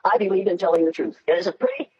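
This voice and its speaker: A woman's voice: fairly low pitch, quick pace, warm tone, highs cut off. An older woman with an American accent speaks as an educator lecturing an audience, blunt, emphatic and commanding.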